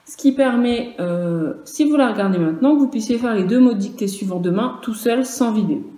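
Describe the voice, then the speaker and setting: A first-grade teacher leads a recorded virtual class, speaking to children and parents in turn. Her voice is a little high, animated and brisk with a dark tone, and the sound is echoey. She is clear and patient, stressing each sound and letter as she spells.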